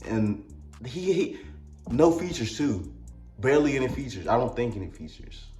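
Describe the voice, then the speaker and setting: A man's voice: mid-range voice, very animated, moderate pace, darkish tone, roomy sound, soft background music. A man with a Mississippi accent reviewing an album in a rambling, joking way with crude asides. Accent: Mississippi Southern US. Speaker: music reviewer. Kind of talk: comedic album review vlog.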